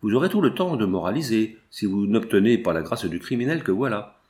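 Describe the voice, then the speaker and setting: A man's voice: lowish voice, lively intonation, fairly quick, darkish tone, natural voice. A man reading the part of a domineering prince in a stern, scornful tone. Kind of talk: audiobook character reading.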